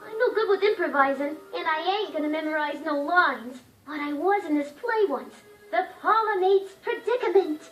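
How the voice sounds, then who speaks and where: An actress voicing a blunt, folksy young hostess from Canada in a video game. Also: female voice, very high voice, animated, normal speed, hardly any pauses, echoey room, soft background music, low-quality recording. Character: brassy young saloon hostess.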